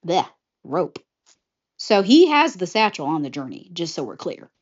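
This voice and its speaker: A woman in a casual, chatty retelling of her own movie pitch, slipping into short character voices. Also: very animated, fairly quick. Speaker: vlogger pitching a film idea. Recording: slightly muffled lo-fi audio.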